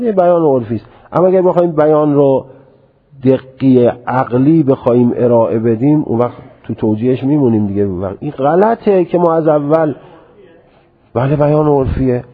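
A man's voice: a little high, slightly rough. Man lecturing over a tinny radio line. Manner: deliberate, reasoning, often stresses and repeats his point. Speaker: religious scholar lecturing. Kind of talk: religious lecture.

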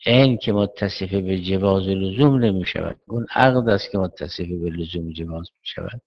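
A man's voice: sits low, highs cut off. A man teaching Islamic jurisprudence in a seminary lecture, reasoning step by step and asking questions he then answers himself.

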